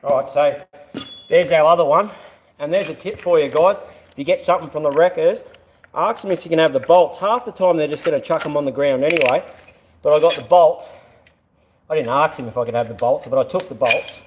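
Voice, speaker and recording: A man's voice: fairly high pitch, a little fast. A man chatting casually to viewers in laid-back, jokey slang as he works on a car. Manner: laid-back, slangy, jokey, talks to himself while working. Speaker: amateur mechanic vlogger. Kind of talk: casual hands-on car vlog chat to viewers. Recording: echoey, noisy workspace with clanking.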